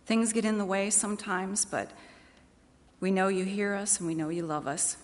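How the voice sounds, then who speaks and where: Leading announcements and prayer in a large church meeting hall, a woman talks to the congregation in a plain, conversational way. She speaks at medium pitch and normal speed; the echoey hall adds long reverb, along with a little hiss or hum.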